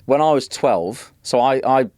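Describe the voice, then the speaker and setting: A man in his forties from Northeast England, a guest telling long, animated stories in casual chat. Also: mid-range voice, a little slow, smooth, no room sound, studio quality. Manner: animated, rambling anecdotes with many restarts. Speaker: guest, drum and bass producer. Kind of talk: casual storytelling. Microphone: podcast studio mic.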